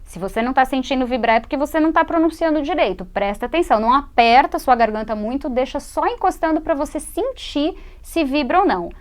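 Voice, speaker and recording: Higher-voiced woman teaching patiently. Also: animated. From Brazil. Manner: patient, repeating and modelling sounds slowly. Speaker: English teacher. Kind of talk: TV English lesson.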